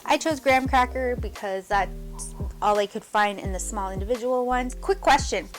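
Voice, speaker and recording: A chatty, upbeat woman walks viewers through a recipe on her home cooking show, talking to them directly. Her voice sits a little high, and soft music plays faintly behind her. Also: normal speed. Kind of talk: casual cooking demonstration.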